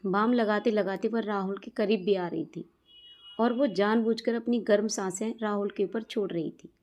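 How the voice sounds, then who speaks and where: A woman storyteller reading scripted story narration in a steady, even way. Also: mid-range voice, moderate pace.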